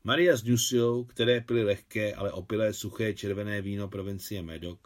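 A man, the translator of a novel, giving a measured, even reading of it aloud. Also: fairly low pitch. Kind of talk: literary audiobook reading.

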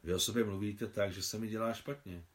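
Shy, bookish young nurse in an audiobook, read by a man with a low voice. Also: fairly even intonation, close to an everyday voice. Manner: soft, hesitant. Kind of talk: reading a novel aloud.

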